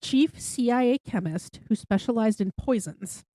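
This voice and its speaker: A woman's voice: on the high side, normal speed, mellow, dry recording. A woman co-hosting a podcast in casual chat, swearing freely and saying "like" a lot. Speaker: podcast co-host.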